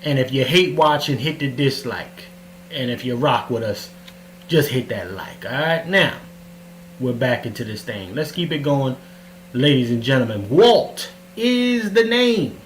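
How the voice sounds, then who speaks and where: A man's voice: medium pitch, animated, a little slow. Livestream host guy, big cave echo on his voice, faint hum behind, hypes up the chat. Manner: hyped, repeats phrases, calls to the audience. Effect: heavy echo on his voice, like in a cave. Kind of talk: casual livestream talk with shout-outs.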